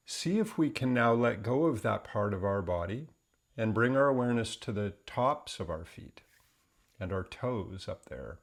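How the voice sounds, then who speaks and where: Leading a guided meditation, a man speaks in a voice on the low side, taking his time in a gentle, deliberate manner with long silences between phrases.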